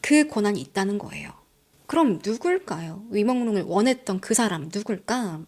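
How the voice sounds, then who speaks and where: A woman's voice: medium pitch, sing-song, moderate pace, darkish tone. A woman hosting a channel, telling a true-crime story in a conversational, dramatic way, sometimes dropping into a whisper for emphasis. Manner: conversational, addresses viewers directly. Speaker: channel host.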